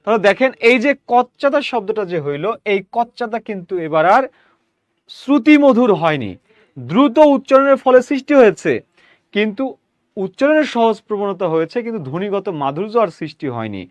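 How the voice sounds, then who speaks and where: High-voiced man teaching a lesson. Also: big pitch swings, no echo. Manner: repetitive, drills words aloud slowly; addresses listeners directly with questions. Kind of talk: classroom lecture.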